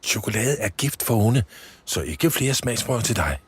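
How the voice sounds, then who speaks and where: A man's voice: medium pitch, lively intonation, breathy edge, voice pushed up. A man voicing an earnest, anxious young boy in a raised, urgent, fretful voice for a storybook reading. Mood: hushed.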